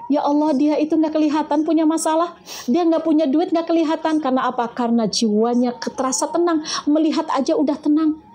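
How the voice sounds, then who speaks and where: A woman preaching to a gathered audience in a lively, conversational way, often asking questions of her listeners and slipping in Arabic prayers. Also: brisk. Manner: lively, animated, rising and falling in pitch, addresses audience as friends; mixes casual speech with Arabic prayers. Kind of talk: religious talk to a live audience.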